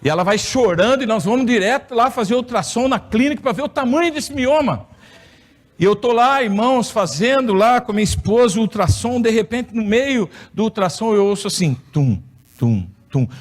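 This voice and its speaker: A man's voice: high voice, animated, brisk. A middle-aged Brazilian man preaching in a church, telling a personal story with playful humor. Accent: Brazilian Portuguese. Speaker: pastor. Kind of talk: sermon testimony. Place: church hall.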